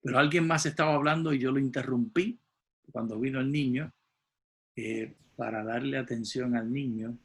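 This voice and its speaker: A man leading a class as its teacher in a conversational way, with a husky voice. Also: mid-range voice, fairly even intonation, moderate pace.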